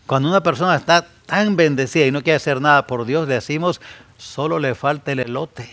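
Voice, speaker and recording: Pastor, middle-aged man, Central American Spanish accent, fairly high voice, dynamic sermon delivery from quiet to booming. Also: fairly quick. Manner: swings from soft, quiet asides to loud, rising exhortation.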